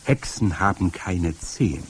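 A man reading aloud and voicing a stern old grandmother who explains things firmly, with a husky voice. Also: deep voice, animated, heavily acted. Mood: stern, lecturing. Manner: firm, lecturing, drawn-out emphasis. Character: stern old grandmother, matter-of-fact storyteller. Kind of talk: audiobook reading.

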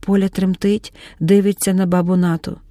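A woman's voice: level tone, normal speed, warm tone, dry recording, studio quality. A woman narrating an audiobook in a dramatic reading style, changing her voice for each character. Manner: shifts pitch and pace to voice the characters.

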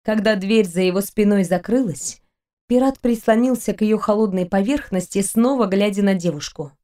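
A woman reading an audiobook aloud as narrator, in a steady, even manner. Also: medium pitch, moderate pace. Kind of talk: scripted narration.

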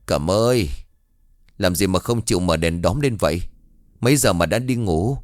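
A man voicing a gruff, harsh young husband. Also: sits low, lively intonation, normal speed, no room sound, clean studio sound. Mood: stern. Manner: gruff, scolding. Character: bad-tempered young father, harsh to his wife.

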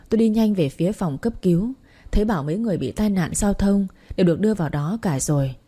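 A woman's voice: on the low side, mellow, breathy edge. A woman narrating a first-person romance story in a tender, emotional reading.

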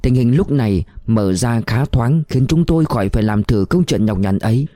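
A man reading a war novel aloud in steady, measured narration. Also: medium pitch, no echo. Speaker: audiobook reader.

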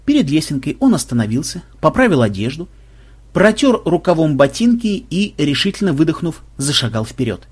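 A man reading a humorous story aloud as the narrator, in a lively, wry storytelling manner. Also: a little high, moderate pace, husky. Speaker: audiobook narrator. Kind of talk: scripted narration.

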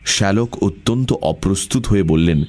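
A man narrating an audiobook story in a measured storytelling manner. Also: low voice, a little mellow. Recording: music bed under voice.

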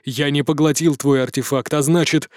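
A man's voice: on the high side, steady tone, moderate pace, a little mellow, no echo, natural voice. A man voicing a sardonic lizard-man mage who talks in a dry, mocking way.

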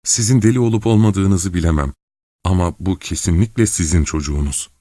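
A man voicing a young hospital nurse who turns from shrill alarm to curt, cool firmness. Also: brisk, no room sound, close to an everyday voice. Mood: serious. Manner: shrill when scared, curt when calm. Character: young woman nurse, flustered then cold.

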